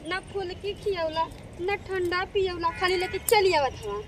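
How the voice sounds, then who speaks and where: A woman with a Bhojpuri accent acting a fussy, demanding young wife in a comedy sketch, whining and nagging loudly. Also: very high-pitched, moderate pace, a little hiss or hum. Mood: whiny. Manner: whiny, nagging, loud.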